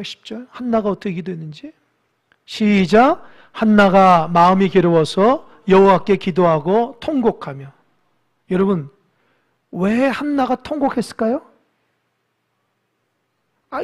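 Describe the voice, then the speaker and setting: A pastor preaching a sermon in a lively way, putting questions to the congregation and exhorting them. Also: medium pitch, measured pace, pauses often. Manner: animated, asks the congregation questions; exhorting, with quiet stretches.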